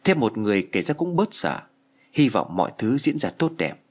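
A man narrating a horror story in an expressive, dramatic storytelling style. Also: fairly low pitch, moderate pace. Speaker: audiobook narrator.

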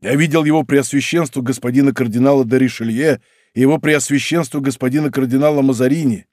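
A man's voice: mid-range voice, steady tone, fast, darkish tone, no room sound, clean studio sound, close to an everyday voice. A man voicing a burly, boastful old musketeer baron who speaks bluntly and heartily, in a storybook reading.

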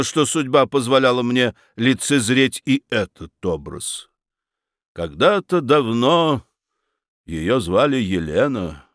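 Casting: man playing a lofty, stern occult count, slow and grand, dry close sound. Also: mid-range voice, fairly bright tone, no room sound. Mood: calm, lofty. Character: smooth, imperious mystic count, man. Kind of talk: audiobook character voice.

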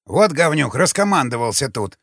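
A man voicing a grumpy, half-deaf old sentry who shouts and curses. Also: medium pitch, big pitch swings, normal speed, no echo, studio quality. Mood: cantankerous shouting. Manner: shouting, cursing, indignant.

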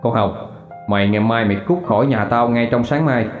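A man's voice: medium pitch, a little fast, lightly acted. A man doing a stern threatening old father. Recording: roomy, dull recording with faint music.

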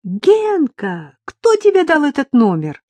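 A woman's voice: high-pitched, wildly swooping pitch, takes it slowly, mellow, no room sound, pitched above the performer's own voice, full character voice. A young woman fighting back tears, her voice rising and falling with emotion, as a woman reader plays her. Read dry and close to the mic for an audiobook. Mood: tearful. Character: tearful young woman leaving her husband.

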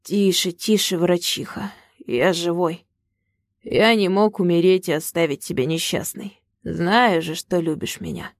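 A woman voicing a hoarse, injured young man who talks softly and teasingly. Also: steady tone, unhurried, no room sound. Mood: tender. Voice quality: hoarse, low.

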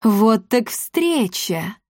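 A woman reading an audiobook, voicing a sinister noblewoman sorceress who speaks with slow mockery. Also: on the high side, very animated, no room sound, studio quality, heavily acted. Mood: mocking. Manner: mocking, gloomy.

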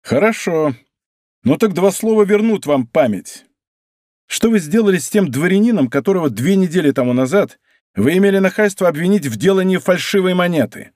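A man's voice: high voice, lively intonation, a little fast, darkish tone, no room sound, studio quality, voice pushed up. A man voicing a hot-tempered young nobleman who speaks sternly and threateningly.

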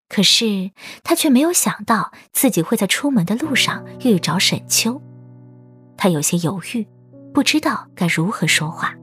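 A woman narrator reading a scripted story for an audiobook. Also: mid-range voice. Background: background music.

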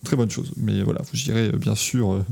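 A man's voice: on the low side, steady tone, brisk, vocal fry, darkish tone. A man hosting a casual motorsport chat, joking and laughing often, with many restarts. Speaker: podcast host.

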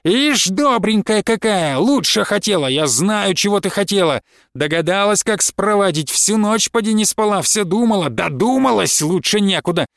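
A man's voice: sits high, animated, no room sound, clean studio sound, pitched above the performer's own voice. A man reading aloud and voicing a spiteful, embittered husband who drags his words out with a sneer and flares into angry outbursts. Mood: furious. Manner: sneering, drawn-out, flaring into shouts.

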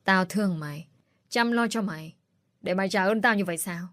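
A woman's voice: mid-range voice, fairly quick, a bit bright, dry recording, close to an everyday voice. A woman voicing a ruthless middle-aged stepmother who speaks with contempt and threats in a read-aloud story. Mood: scornful.

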